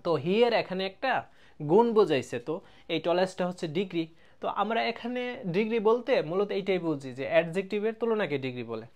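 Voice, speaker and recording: A man teaching an English grammar lesson in a casual video, explaining step by step, checking that students follow, and drawing out example words slowly. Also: high-pitched, expressive, darkish tone. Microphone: close mic, writing on a board.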